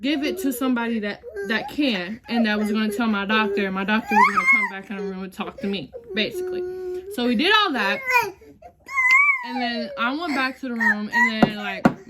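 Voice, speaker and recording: A woman's voice: fairly high pitch, huge pitch swings, normal speed, heavy background noise. Chatty young woman telling a story. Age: young adult. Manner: chatty, addresses viewers as y'all, emotional, near tears. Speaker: vlogger. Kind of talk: casual storytime.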